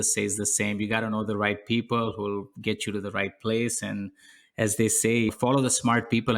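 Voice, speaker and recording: Male podcast host, measured and flat, fry in his low voice. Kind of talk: casual interview chat.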